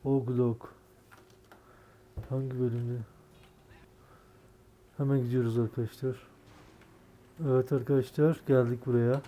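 Gaming commentator, young guy, sick and hoarse, mellow dark tone, curses and yells when the game fails. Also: medium pitch, flat delivery, measured pace, long pauses. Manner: frustrated, swearing, bursts into shouting. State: sick, voice worn. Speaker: gaming YouTuber. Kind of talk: gameplay commentary.

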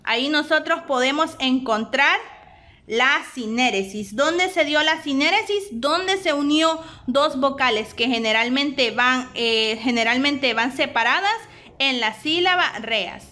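Honduran spanish lady teacher, high bright voice, slow and careful. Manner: slow, deliberate, spells out syllables. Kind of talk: recorded grammar lesson.

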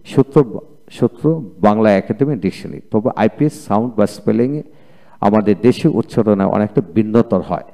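A man's voice: fairly low pitch, lively intonation, moderate pace, mellow. A man teaching English pronunciation, repeating each word twice and spelling out the letters. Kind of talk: vocabulary lesson, repeating words.

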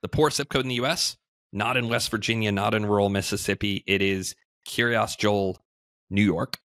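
A man in his thirties, a guest on a remote video call, explaining things in a measured way with frequent fillers. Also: fairly low pitch, steady tone, a bit bright, no room sound. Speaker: podcast guest, housing entrepreneur. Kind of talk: conversational interview.

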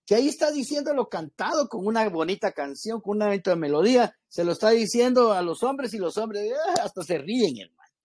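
A man teaching a church ministry class in a loose, chatty way, often restarting his sentences. His voice sits a little high and sounds husky. The recording is close and dry, with no room echo. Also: big pitch swings, brisk, a little mellow. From Guatemala. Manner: conversational, addresses listeners as brothers, many restarts and asides. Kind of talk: informal Bible class lecture.

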